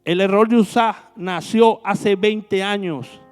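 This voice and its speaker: A man's voice: high-pitched, slow pace, clean tone, big-room sound, faint music behind. A man preaching a sermon as minister, asking the congregation rhetorical questions. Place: church hall.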